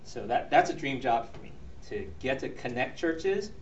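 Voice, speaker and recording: A man's voice: medium pitch, lively intonation, normal speed. Earnest middle-aged man in a roomy hall. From Taiwan, raised in the U.S. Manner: earnest, with frequent ums and restarts. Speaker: ministry leader and speaker. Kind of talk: presentation to a church audience. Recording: roomy, distant, dull recording with faint noise.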